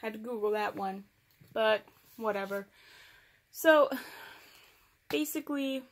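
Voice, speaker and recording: A woman's voice: a little high, slow pace. A young woman casually recapping a novel on her vlog, chatty and rambling, with sarcastic asides. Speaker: book reviewer.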